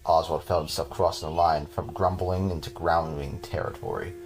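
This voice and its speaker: Low-voiced man reading a horror story. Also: fairly even intonation, moderate pace, darkish tone. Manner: casual, chuckling, breaks off to joke with his cohost. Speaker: podcast host reading a story. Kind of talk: reading a horror story aloud with jokey asides.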